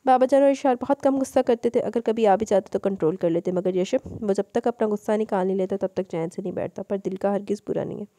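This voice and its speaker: A woman voicing a kind, consoling sister-in-law in an audio novel, gently advising. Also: medium pitch, fast, few pauses, dry recording, natural voice. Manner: soothing, advising.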